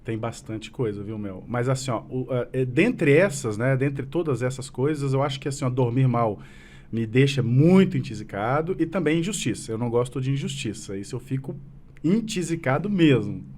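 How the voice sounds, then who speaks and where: In a casual interview conversation, a guest in his thirties who presides over a business association answers questions earnestly, rambling with many restarts. He comes from Minas Gerais, Brazil, carries a fading mineiro accent, and speaks in an animated, darkish, mid-range voice at a moderate pace.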